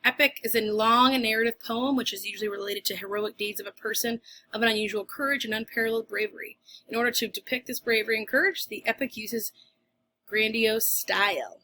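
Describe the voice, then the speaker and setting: A woman's voice: a little high, fairly even intonation, fairly quick, pushed and bright. A woman teacher giving a recorded lesson to her students in a chatty way, with casual asides and restarts.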